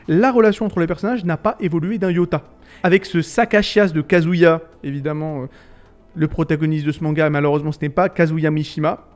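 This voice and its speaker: A man's voice: on the high side, a little mellow. A man hosting a casual video essay, ranting animatedly about fiction tropes and swearing freely.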